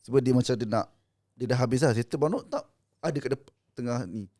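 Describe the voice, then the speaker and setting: A man, co-hosting a casual podcast and telling a ghost story in a relaxed, halting way. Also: medium pitch, no echo, studio quality. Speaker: podcast co-host.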